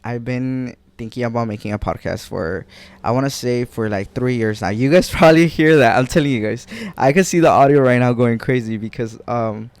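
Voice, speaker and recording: Twenties male solo podcaster, from Guatemala, rambly casual delivery, clear tone, dry close mic. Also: mid-range voice, fairly quick, darkish tone, no room sound. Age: 20s. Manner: rambling, self-correcting, chatty with listeners. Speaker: podcast host. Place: home. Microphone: desk mic.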